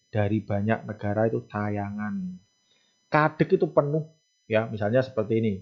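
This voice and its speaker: A man, casually explaining test questions as a language teacher in a relaxed, chatty way. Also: fairly low pitch, normal speed, lo-fi sound. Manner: relaxed, chatty, mixes in Javanese phrases.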